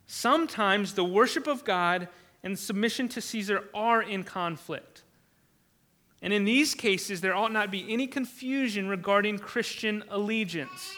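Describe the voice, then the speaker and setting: A man's voice: high voice, sharp tone. A man preaching a sermon in an earnest, emphatic way, repeating key words and restarting sentences. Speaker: pastor.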